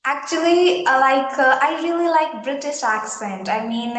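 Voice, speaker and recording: A woman with an Indian accent and a high-pitched, slightly bright voice is interviewed as an English learner in casual conversation. She talks hesitantly at normal speed, with many fillers and restarts, in an echoey room.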